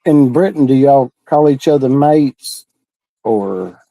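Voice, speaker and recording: Very mellow, slow man. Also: medium pitch, lively intonation, gravelly, no room sound, low-quality recording. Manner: folksy, reassuring. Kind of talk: casual chat.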